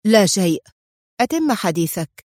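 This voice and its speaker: A woman's voice: medium pitch, animated, moderate pace, darkish tone, dry recording, clean studio sound, lightly acted. Woman voicing a stern mocking army general. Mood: curt. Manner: sarcastic, clipped and severe.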